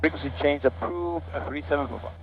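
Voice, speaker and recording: Pilot over the radio, slightly high man. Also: vocal fry. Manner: halting radio calls with fillers. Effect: pilot talking over the aircraft radio. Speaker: private pilot. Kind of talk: radio calls to air traffic control. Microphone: aviation headset. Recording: tinny cockpit headset audio with faint music.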